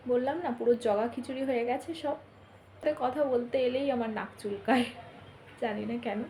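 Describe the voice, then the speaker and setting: Talking quietly so she won't wake anyone, a young woman chats through her daily routine for a home vlog, filling it with fillers. Her voice is a little high and a little quick, with a faint hiss or hum in the background.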